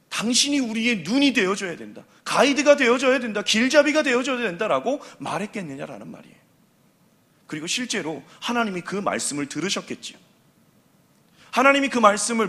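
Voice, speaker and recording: A middle-aged man preaching a sermon as a pastor, animated and acting out the voices he quotes. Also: sits high.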